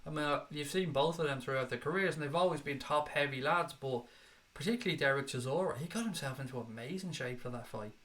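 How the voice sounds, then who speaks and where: Irish guy chatting on a stream, bright voice, blunt and sweary, reads out comments. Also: fairly high pitch, fast talker. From Ireland. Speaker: livestream host reading chat. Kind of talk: casual chat.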